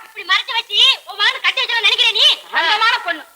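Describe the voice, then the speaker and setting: A shrill scolding village mom, bright piercing voice, old film. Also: female voice, a little hiss or hum, full character voice. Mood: defiant. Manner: loud, scolding, quick retorts. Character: sharp-tongued scolding village mother. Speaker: shop-keeping mother. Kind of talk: 1940s film acting.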